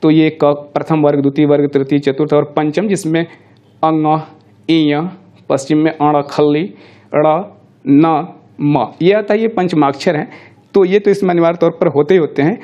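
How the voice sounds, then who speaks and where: A middle-aged man lectures with a fairly high yet mellow voice. He explains patiently, posing questions to himself and answering them. He slows down to draw out each example word. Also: steady tone, highs cut off. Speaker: teacher. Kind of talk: classroom lecture.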